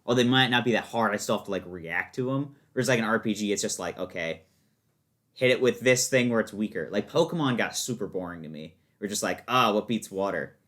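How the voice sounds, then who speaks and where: A podcast guest chats casually about video games in a lowish, somewhat bright voice, talking fairly quickly. He is enthusiastic and opinionated, using slangy everyday language.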